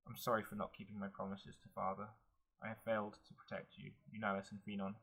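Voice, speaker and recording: A man's voice: fairly low pitch, monotone, fast talker, creaky, a bit bright, husky, heavily acted. A man reading the part of a young leader who leaves his brothers, speaking in a firm, earnest manner. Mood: sorrowful. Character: resolute young male leader leaving his family. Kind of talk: audiobook narration.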